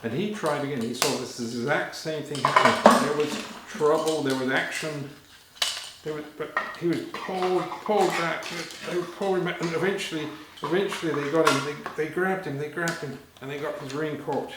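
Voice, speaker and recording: A man's voice: a little high, very noisy. Man telling children a story, echoey room. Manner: animated, addressing children with questions; halting, repeats phrases as he narrates. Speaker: children's storyteller and magic performer. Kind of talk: live children's storytelling performance.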